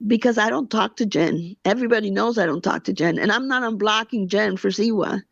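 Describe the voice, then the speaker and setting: Gravelly indignant woman ranting on a livestream. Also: medium pitch, dry recording. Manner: indignant, rapid, talks back to chat. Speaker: livestream host. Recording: dull lo-fi dry sound.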